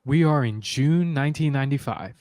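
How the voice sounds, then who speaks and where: A man playing a calm young wizard leader. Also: mid-range voice, brisk, dry recording, close to an everyday voice. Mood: steady. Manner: steady, matter-of-fact explaining. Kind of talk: fan voice-acting read-through.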